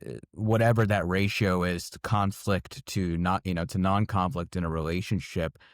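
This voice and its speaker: A man co-hosting a podcast, talking reflectively in casual conversation and getting lively when amused. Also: sits low, normal speed, no room sound, studio quality.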